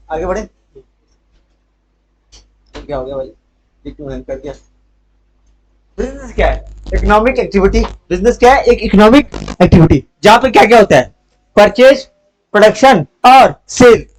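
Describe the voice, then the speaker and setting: A man's voice: high-pitched, moderate pace, pauses often, low-quality recording. A young man teaching a commerce class, full of energy, who keeps asking questions and answering them himself. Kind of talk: live class lecture.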